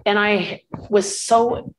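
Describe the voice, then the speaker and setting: A woman's voice: mid-range voice, fairly even intonation, takes it slowly, a little hiss or hum, low-quality recording. A woman in her sixties, a guest photographer, telling stories in a casual interview in an earnest, rambling way full of restarts. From Canada.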